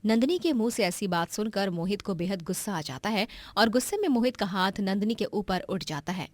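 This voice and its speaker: A woman giving scripted narration of a cartoon story in an even storytelling manner. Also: medium pitch, dry recording.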